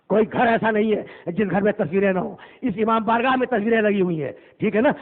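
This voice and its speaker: A man delivering an impassioned religious sermon in a mourning hall, swinging between loud declaiming and low murmurs and reciting scripture. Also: vocal fry, breathy edge. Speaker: Shia cleric delivering a majlis. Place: imambargah hall. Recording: tinny phone-like lo-fi recording.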